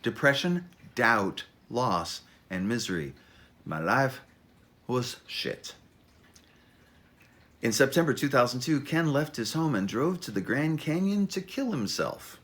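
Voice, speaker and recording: Very animated and fairly bright in tone, a mid-range male voice belongs to an author introducing his memoir. He talks casually, reads dramatically, and peppers it with halting self-interruptions, wry asides and theatrical emphasis.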